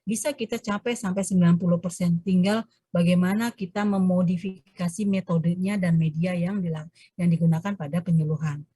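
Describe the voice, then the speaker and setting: A woman lecturer teaching an online class over a video call. She explains at length with many hesitations and self-corrections, and changes her pitch to act out examples. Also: a little fast, breathy edge, dry recording. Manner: animated, shifts pitch to demonstrate examples. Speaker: university lecturer.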